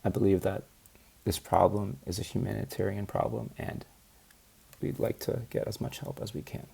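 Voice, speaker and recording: Man, very gravelly, raspy, tired, slightly slurred, practice talk. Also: on the low side, steady tone, moderate pace, warm tone. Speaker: researcher presenting a project. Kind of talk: practice conference presentation.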